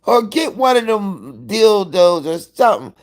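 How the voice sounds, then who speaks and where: A man in his fifties hosting a casual livestream from home, gossiping with viewers in an animated, profane way. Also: high-pitched, a little slow, low-quality recording. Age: 50s. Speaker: livestream host. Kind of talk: casual live-stream chat.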